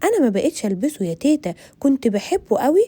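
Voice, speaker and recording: Egyptian woman as a cheerful small girl, high-ish and mellow. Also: very animated, fast, husky, no echo, heavily acted. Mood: excited. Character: cheerful little girl, doll lover.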